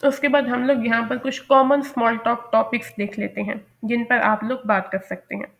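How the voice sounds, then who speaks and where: A woman giving a lecture on English phrases, slowly spelling out each example sentence. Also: a little high, steady tone, creaky. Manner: slow, careful enunciation of English example sentences. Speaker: English teacher.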